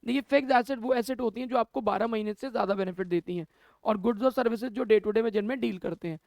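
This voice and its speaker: A man's voice: high-pitched, quick pace, creaky, a little mellow, no echo. Man teaching accounts, question and answer. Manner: asks questions and answers them himself; mixes Hindi and English terms. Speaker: commerce teacher. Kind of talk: classroom lecture to students. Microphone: camera mic.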